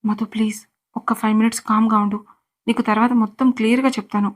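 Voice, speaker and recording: A woman's voice: a little high, level tone, quick pace, close to an everyday voice. A woman reading an anxious young heroine. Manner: urgent, pleading.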